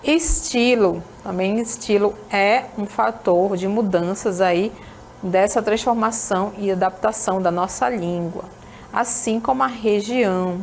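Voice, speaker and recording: This woman, an English teacher with a northern Brazilian accent from Amazonas, gives a recorded classroom lesson and keeps checking in with students through tag questions. Her medium-pitched voice is unhurried, with slight background noise.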